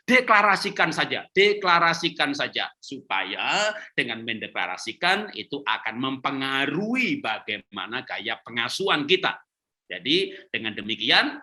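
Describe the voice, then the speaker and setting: A man giving a lively church talk on parenting over a video call, acting out quotes and laughing often. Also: a little high. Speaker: conference speaker. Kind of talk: lively sermon-style talk on webinar.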